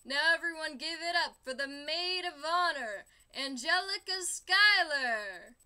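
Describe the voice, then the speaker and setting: A woman voicing a young male best man who loudly hypes up a wedding crowd. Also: high voice, expressive, measured pace, heavily acted. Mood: hyped. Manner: loud announcer-like hype.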